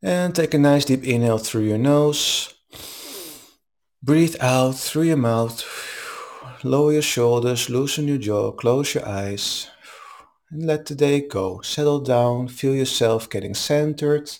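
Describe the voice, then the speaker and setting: Male meditation teacher, calm and soothing, very unhurried delivery, leaves space between short instructions. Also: medium pitch. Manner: slow, calm, soothing, with long pauses. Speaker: meditation teacher leading a live online session.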